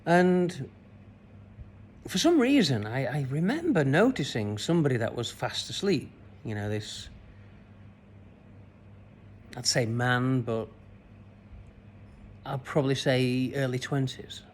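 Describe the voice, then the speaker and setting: A man's voice: mid-range voice, big pitch swings, takes it slowly, pauses often, a little hiss or hum. A man, a spiritual coach, recounting a childhood memory in a loose, rambling way full of fillers. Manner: rambling, many fillers and restarts. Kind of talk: personal story told to camera.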